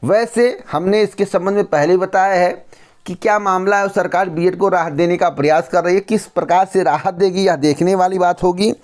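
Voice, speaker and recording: Blunt, lecturing man with a high voice. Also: fairly quick. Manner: blunt, lecturing, repeats phrases for emphasis. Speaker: news channel host. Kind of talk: direct-to-camera news commentary.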